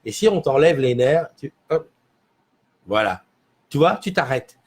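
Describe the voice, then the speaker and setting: A man's voice: medium pitch, big pitch swings, a little slow, breathy edge. A man hosting a casual morning livestream from a small studio, rambling and answering viewer comments as he reads them. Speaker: livestream host.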